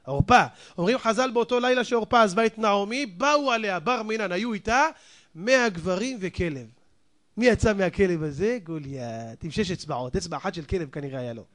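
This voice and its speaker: High-voiced, lively male preacher. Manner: lively, addresses the audience directly. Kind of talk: animated sermon storytelling.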